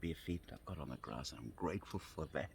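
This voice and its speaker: Man, very deep voice, casual storytelling, halting, repeats himself, outdoors with faint birds behind. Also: animated, creaky, a little hiss or hum. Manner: halting, repeats and restarts phrases. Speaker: vlogger. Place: outdoors on grass.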